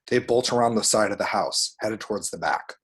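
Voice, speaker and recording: A man narrates the action lines of a screenplay at a table read, speaking sound effects aloud with vivid, dramatic storytelling. He talks a little fast in a lowish, slightly bright voice with a breathy edge.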